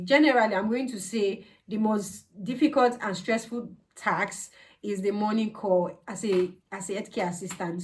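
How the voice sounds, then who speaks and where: A woman from Nigeria with a Nigerian accent gives a casual explanatory vlog talk, conversational and emphatic, often repeating words for stress. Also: medium pitch. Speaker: vlogger, healthcare assistant. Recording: voice distant from the mic.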